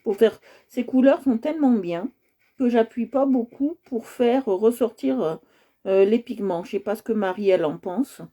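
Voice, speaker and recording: Woman, livestream host, casual chat while coloring, mellow voice, slightly high pitch. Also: moderate pace. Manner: chatty, often checks in with viewers and repeats herself.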